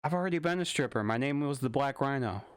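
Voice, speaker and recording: A man's voice: mid-range voice, animated, quick pace, clean tone, no room sound, studio quality. A young man hosting a casual podcast, goofy and laughing often, swearing freely as he wraps up the episode. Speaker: podcast host.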